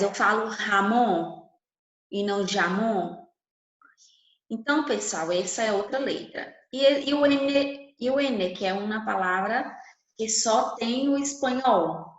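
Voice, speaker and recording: A woman's voice: a little high, reverberant, low-quality recording. A woman teaching Spanish to Portuguese speakers, explaining step by step and asking the class questions. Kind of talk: online class lesson.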